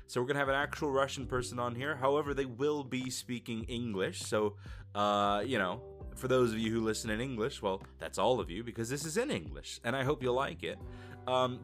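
A man's voice: medium pitch, a bit bright. A man hosting a casual podcast interview, rambling with lots of fillers and asking friendly questions. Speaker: podcast host. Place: lives and works in Russia as a foreigner.

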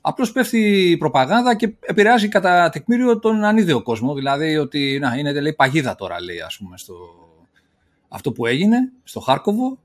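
A man's voice: fairly high pitch, very animated. Sceptical man explaining in casual chat. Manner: explanatory, many fillers, sceptical. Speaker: podcast co-host.

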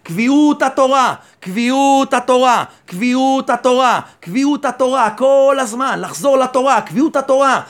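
A man's voice: extremely high pitch, few pauses. A male rabbi giving a Torah sermon, asking rhetorical questions and answering them himself, and repeating key phrases for emphasis.

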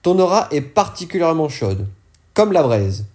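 A man's voice: fairly high pitch, big pitch swings, moderate pace, a little mellow, pitched above the performer's own voice. A man voicing a wily old male dealer who asks probing, insinuating questions. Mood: sly.

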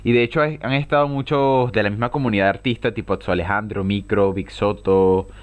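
A man's voice: lowish voice, fairly even intonation, a little fast. A young man with a Venezuelan Spanish accent, hosting a casual solo podcast, talking in heavy slang, exasperated and full of rhetorical questions. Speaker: podcast host.

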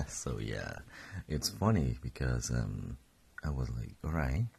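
Gravelly deep-voiced young man, just woken. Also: sing-song, slow, darkish tone. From Colombia. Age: 20s. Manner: rambling, self-correcting, chuckling. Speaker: podcast host. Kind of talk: casual solo podcast.

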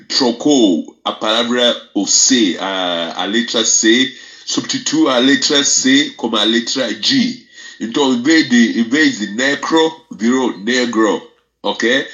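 A man giving a spoken monologue that explains word origins, often checking in with his listener and spelling words out slowly. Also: mid-range voice, fairly bright tone, dull audio.

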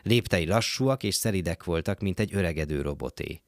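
Deep gravelly male narrator. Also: expressive, no room sound, clean studio sound. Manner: measured storytelling. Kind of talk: audiobook narration.

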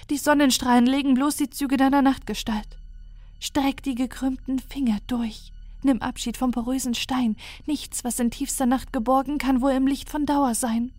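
A woman's voice: high-pitched, darkish tone, dry recording, pitched above the performer's own voice. Woman voicing a despairing alien girl. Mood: solemn recital. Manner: pleading, trembling with despair. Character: young female alien weaver, fearful and despairing. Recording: dry close recording with faint music.

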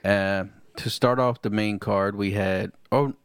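A man's voice: on the low side, steady tone, a little slow, clean tone, dry recording, studio quality. A man co-hosting a casual podcast, recapping fights in a laid-back, profane, joking way. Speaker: podcast co-host.

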